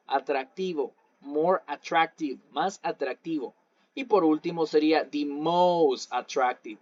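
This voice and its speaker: A man's voice: a little high, no room sound. Man teaching, dull lo-fi audio. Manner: patient, repeats each example in English then Spanish. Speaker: English teacher. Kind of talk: online class explanation.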